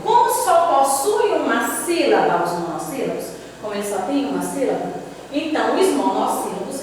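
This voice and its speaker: High-voiced Brazilian woman teaching from afar. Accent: Brazilian Portuguese. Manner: explanatory, repeats and counts out examples. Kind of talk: classroom grammar lesson. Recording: echoey hall, voice from far off, faint hum.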